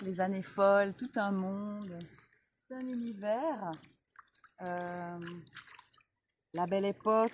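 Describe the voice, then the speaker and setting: A woman vlogger talking in a halting, improvised way, with many restarts, while sitting on a beach by the sea. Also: mid-range voice, slight background noise, poor audio. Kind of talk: improvised casual vlog and reading aloud. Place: outdoors on a sandy beach by the sea. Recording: loud outdoor ambience by the sea.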